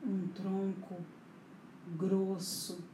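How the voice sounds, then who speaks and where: A woman leads a guided meditation in a soothing, hushed spa manner, leaving long pauses between short phrases. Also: medium pitch, flat delivery. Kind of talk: slow guided meditation narration. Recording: echoey room, faint background noise.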